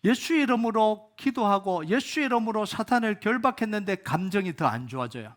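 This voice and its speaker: A male pastor delivers a sermon in a church at a Friday prayer meeting. His voice sits high for a man, and he preaches with animated swings, climbing to loud emphatic peaks and then dropping to low, hushed asides. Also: brisk. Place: church sanctuary.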